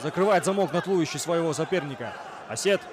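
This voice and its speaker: A man's voice: a little high, animated, quick pace. A man co-commentating live on an MMA fight in short, punchy play-by-play calls. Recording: loud crowd and arena noise behind.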